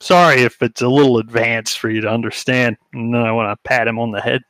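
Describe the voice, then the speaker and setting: A man's voice: mid-range voice, steady tone, quick pace, fairly bright tone, no room sound. A man playing a tabletop game in character, cocky and irreverent, cracking jokes. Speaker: player.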